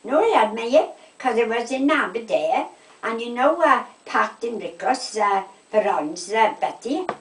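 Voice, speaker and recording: A woman in her eighties with a South Wales Valleys accent chats at home, telling anecdotes emphatically and acting out past conversations with repeated "I said." Her voice is on the high side with lively intonation and a slightly slow pace. The indoor recording sounds roomy and distant.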